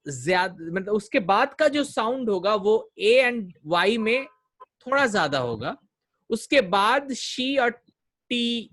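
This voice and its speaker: A man leads a vocabulary class at a very unhurried pace. He sounds out each word several times so students can copy the stress. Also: high voice, fairly bright tone. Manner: slow, drills pronunciation by repeating words. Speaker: communication coach.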